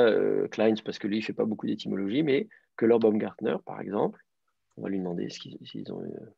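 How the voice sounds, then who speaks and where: A man's voice: lowish voice, creaky, dark tone, slightly rough, dry recording. A man teaching a beginners' class online, explaining at length with many fillers and restarts. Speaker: teacher of biblical Hebrew. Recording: dull, dry lo-fi sound.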